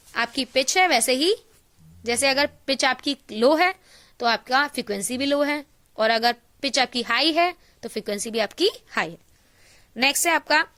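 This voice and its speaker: A woman with a high-pitched, bright voice teaches an online class. She keeps asking her students a question and then answering it herself. Definitions come out slow and deliberate. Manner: explains in Hindi mixed with English terms, reads English definitions slowly.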